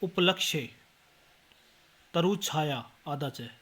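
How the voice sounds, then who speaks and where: A man's voice: fairly high pitch, expressive, a bit bright. A man tutoring Hindi spelling, reading out words one by one and correcting common mistakes. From India. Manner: slow, word-by-word dictation with corrections. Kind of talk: spelling drill lesson.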